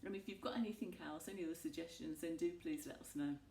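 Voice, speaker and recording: Low, gravelly woman demonstrating recipes. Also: fast, warm tone, a little hiss or hum. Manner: homely, chatty asides to viewers. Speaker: home cooking demonstrator. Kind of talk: chatty cooking demonstration. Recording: echoey room, mic at a distance.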